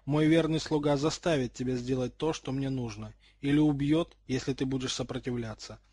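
A man doing a hushed, menacing dark lord. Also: mid-range voice, fairly even intonation, fairly quick, breathy edge, dry recording, clean studio sound, lightly acted.

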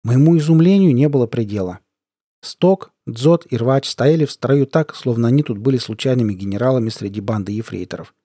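A man reading a first-person audiobook in a measured, even storytelling manner. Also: medium pitch, slightly rough, no room sound, studio quality. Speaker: audiobook narrator.

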